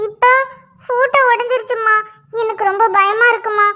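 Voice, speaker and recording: A woman's voice: very high voice, fairly even intonation, moderate pace, background noise. A woman voicing an anxious, pleading pregnant young wife in a cartoon. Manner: fretful, pleading. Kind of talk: cartoon voice acting.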